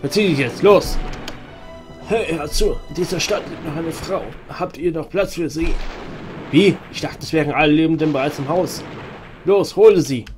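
A man with a German accent plays through a game on stream, reading the characters' lines aloud and muttering to himself between them. His voice sits a little high. Faint game music plays under his talk. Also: moderate pace. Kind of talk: casual let's-play commentary.

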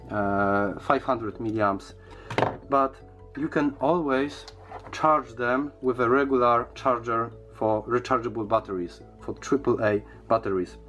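A man with a mid-range, somewhat bright voice does a casual unboxing and product review. His delivery is halting and hesitant, and he often repeats words.

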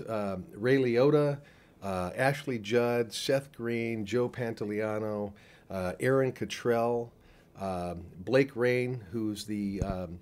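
An older man's voice, on the low side and a little mellow, answers interview questions at a convention. He is a film producer speaking before a poster wall into a handheld mic the interviewer holds, stumbling through frequent fillers and restarts.

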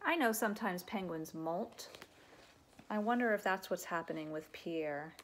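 Here a woman of around thirty, her voice lowish, reads aloud from a children's picture book much like an elementary teacher. Sitting in her living room, she is deliberate and expressive, stopping now and then to explain.

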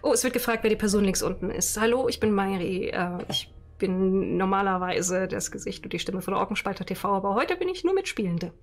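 A woman's voice: medium pitch, expressive, a little fast. A woman in her thirties, a presenter and player, chatting casually on a video call. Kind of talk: casual chat.

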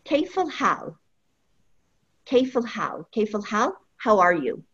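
Slow, patient woman teaching a language. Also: fairly high pitch, very animated, fairly bright tone, breathy edge, muffled recording. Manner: slow, patient, repeats each phrase for learners. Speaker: Arabic teacher. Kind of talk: online language lesson.

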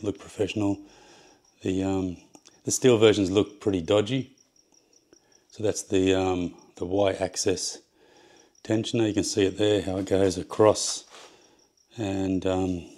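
Low-voiced man in his garage. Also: a little mellow. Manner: halting, lots of ums and restarts while measuring. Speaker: home builder showing his project. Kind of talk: casual workshop walkthrough. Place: home garage workshop.

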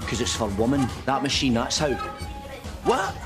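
A man's voice: mid-range voice, big pitch swings, moderate pace, over loud music. An actor playing a bossy, exasperated young Scottish man in a TV comedy sketch, insistent and scornful.

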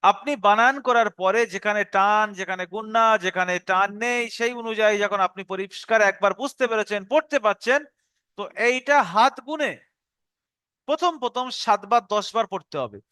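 A man gives a step-by-step online lesson, repeating each instruction so it sinks in. His voice is high and bright, smooth and clear, recorded dry and close. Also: dry recording. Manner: explanatory, repeats instructions, slows to recite verses. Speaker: Quran teacher.

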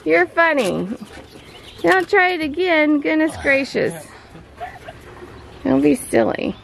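A woman's voice: sits high, very animated, takes it slowly, vocal fry, background noise. A woman vlogging outdoors on her homestead, patiently coaching her child in a chatty way and talking to the camera. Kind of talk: casual vlog talk to her child and camera. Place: outdoors on a farm yard.

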